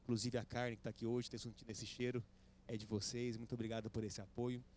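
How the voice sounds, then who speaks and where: A man's voice: mid-range voice, little pitch movement, fast talker, a little mellow, a little hiss or hum. A man moderating a panel on stage, upbeat as he introduces the guests and thanks them by name. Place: event stage with audience.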